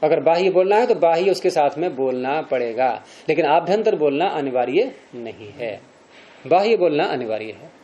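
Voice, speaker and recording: Warm, higher-voiced male teacher. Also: expressive, moderate pace, muffled recording. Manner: explains step by step, quizzing students. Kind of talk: classroom lecture on Sanskrit grammar.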